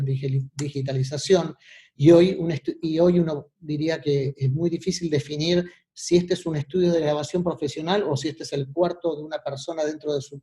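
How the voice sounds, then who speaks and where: A man with a slightly high, mellow voice presents an informal online lecture. He explains things conversationally, often adding little tag questions and English terms. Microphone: video call.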